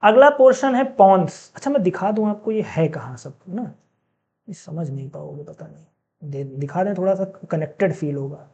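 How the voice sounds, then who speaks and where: Male teacher in a casual lecture, mellow, a bit lo-fi; chatty, asks the class questions. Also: high-pitched, lively intonation. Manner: mixes in read-out English sentences, slowly.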